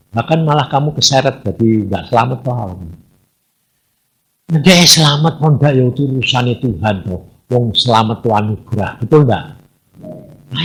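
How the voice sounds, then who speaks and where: A male preacher delivers a casual, teasing sermon and acts out little conversations as he goes. His voice sits fairly high and swings widely in pitch. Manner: lively, chatty, teasing, acts out dialogues.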